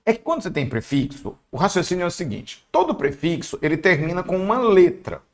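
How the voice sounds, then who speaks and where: Lively gravelly male teacher. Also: high voice, fairly quick. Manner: playful, chatty, talks to viewers and himself. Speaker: Portuguese teacher for exam prep. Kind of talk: online exam-prep lesson.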